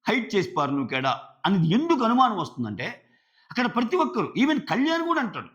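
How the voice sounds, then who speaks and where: Animated man reviewing a reality show. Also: high-pitched, fast, dull audio. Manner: animated, emphatic explaining. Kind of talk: solo commentary video.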